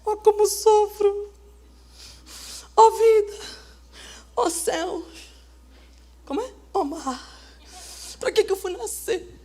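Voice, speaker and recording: A woman voicing a self-pitying woman who moans melodramatically about her hard life, tearful and low. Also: very fast, hardly any pauses, mellow. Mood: wailing self-pity. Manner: moaning, melodramatic lament.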